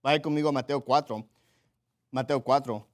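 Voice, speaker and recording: A man's voice: medium pitch, steady tone, moderate pace. A pastor preaching a sermon emphatically, repeating his points, checking in with the congregation and reading Bible passages aloud. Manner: directs listeners to Bible passages and reads them aloud.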